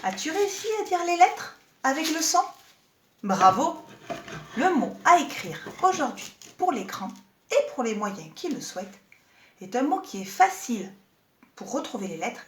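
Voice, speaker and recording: A woman teaching young children in a lesson video, talking slowly and articulating each sound clearly, with an encouraging manner. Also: a little high, very animated, slight background noise.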